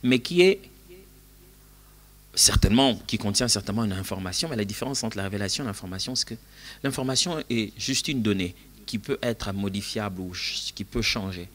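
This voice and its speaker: Bright-voiced male preacher telling a story. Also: lowish voice, animated, brisk. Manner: storytelling, acts out dialogue, shifts between hushed and loud. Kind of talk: sermon at a church retreat.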